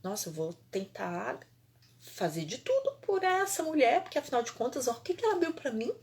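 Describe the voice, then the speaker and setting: Woman, fairly high voice, emphatic storytelling, holistic therapist. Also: fairly quick, a little hiss or hum. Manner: animated, emphatic, repeats phrases for effect. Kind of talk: personal storytelling to camera.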